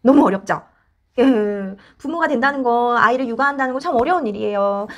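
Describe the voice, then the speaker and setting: Animated fast-talking woman counselor. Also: fairly high pitch. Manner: animated, acts out quoted voices. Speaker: child counselor. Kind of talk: explanatory parenting advice talk.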